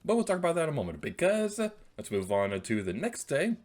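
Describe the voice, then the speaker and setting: A man hosts a Let's Play in a casual, playful way. His voice is very animated, swinging widely in pitch as he comments on the game. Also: fast talker.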